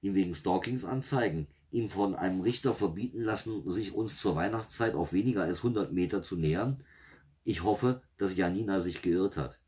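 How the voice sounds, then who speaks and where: A man's voice: sits low, normal speed, warm tone, close to an everyday voice. A man voicing a weary, exasperated father. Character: harried father dreading his stalking uncle.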